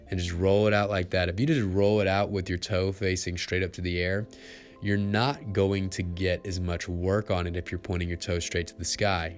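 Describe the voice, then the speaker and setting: Male fitness instructor, very deep voice, relaxed encouraging delivery, light background music. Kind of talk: follow-along exercise instruction. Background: faint background music.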